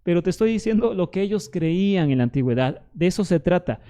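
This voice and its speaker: Talking fast and animated in a high, warm voice, a man addresses the viewer directly with a Bible history lesson, pressing his points hard and rebutting the objections he imagines coming back at him.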